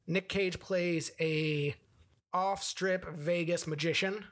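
A man's voice: high voice, steady tone, takes it slowly, fairly bright tone. A man co-hosting a movie review podcast in casual chat, rambling with lots of filler words. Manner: rambling, full of "like" and "you know". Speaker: podcast co-host.

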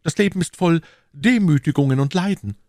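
A man plays a young musketeer in a read-aloud novel, brooding and declamatory. The voice sits well above the reader's own, with lively, swooping melody and a dry, close sound. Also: fairly high pitch, moderate pace, no echo, pitched above the performer's own voice. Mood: melancholy. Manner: declamatory, swinging between gloom and rapture. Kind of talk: audiobook character voice.

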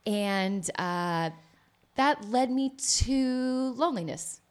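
A woman's voice: a little high, expressive, takes it slowly, clean tone. A woman, an actor and playwright, chatting in a casual interview and telling her story in a rambling, talkative way. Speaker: actor and playwright, podcast guest.

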